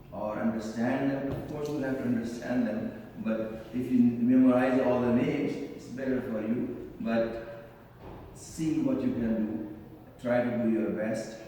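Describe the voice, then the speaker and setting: A man teaching a classroom lesson, slowly repeating and drilling terms with his students. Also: medium pitch, warm tone. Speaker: tajweed teacher. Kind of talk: classroom lecture. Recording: echoey hall, mic far off, faint noise.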